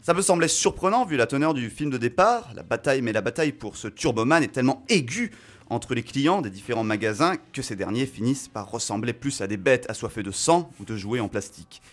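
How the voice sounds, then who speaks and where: A man at a radio studio mic, delivering a relaxed film column in a chatty, self-mocking way. He stumbles through fillers and restarts as he talks. His voice sits at an ordinary middle pitch. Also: a little fast. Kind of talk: casual radio film chronicle.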